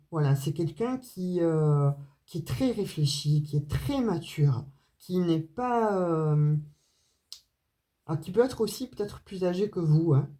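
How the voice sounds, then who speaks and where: A woman's voice: on the low side, warm tone. A woman with a southern French accent giving a chatty card reading to her viewers, with plenty of hesitations and asides. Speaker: astrology and tarot reader. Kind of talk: casual spoken card reading to camera.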